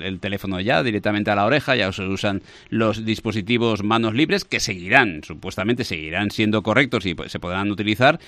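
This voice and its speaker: A man's voice: fairly low pitch, a bit bright, dry recording. A man hosting a radio show, talking in a chatty, joking way and often repeating himself. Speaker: radio host. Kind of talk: casual radio chat.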